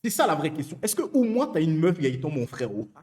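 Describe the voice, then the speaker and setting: Young male streamer, bouncy animated delivery, slangy and teasing, speaks to his chat. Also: fairly high pitch, brisk. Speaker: Twitch streamer reading chat. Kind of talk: casual live-stream chat.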